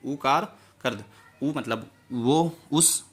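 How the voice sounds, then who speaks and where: A man's voice: medium pitch, husky. A man teaching Persian grammar word by word. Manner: repeats each word and its meaning slowly, drilling. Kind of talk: classroom grammar lesson.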